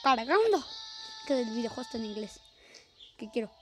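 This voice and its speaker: A woman commenting as a YouTuber while playing a horror game, excitable and prone to gasps and shrieks at scares. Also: on the high side, quick pace. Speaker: gaming YouTuber. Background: game music.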